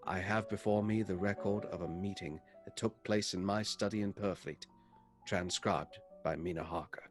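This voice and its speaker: Man playing a deep-voiced, haunted gothic doctor. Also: fairly even intonation, natural voice. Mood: sober, formal. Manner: measured, dramatic storytelling. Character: haunted, earnest male doctor recounting gothic horror. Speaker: actor narrating a radio play. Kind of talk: radio drama narration. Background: music.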